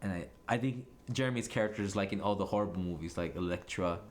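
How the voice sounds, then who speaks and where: A man giving casual commentary on his own film, excitable, laughing often and repeating himself. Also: deep voice, fast talker. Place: room with others watching a film. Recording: roomy echo, faint background noise.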